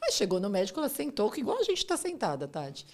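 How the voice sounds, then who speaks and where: A woman's voice: mid-range voice, quick pace. A woman in her forties, a podcast guest, telling her own story in casual chat and acting out what others said. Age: 40s. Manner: animated, acts out quoted voices.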